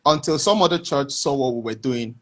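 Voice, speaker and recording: A man, a guest on a video call, telling his story haltingly with many restarts. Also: mid-range voice, fairly bright tone. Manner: hesitant, many restarts, reflective. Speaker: interview guest. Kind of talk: casual interview answers.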